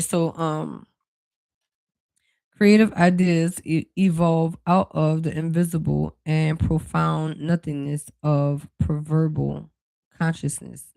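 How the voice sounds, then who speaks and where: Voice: mid-range voice, vocal fry, darkish tone, no echo. An intuitive card reader giving a casual spiritual reading, rambling and chatty with many fillers, talking straight to the viewers. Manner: talks straight to viewers as "y'all"; breaks off into side remarks and laughter.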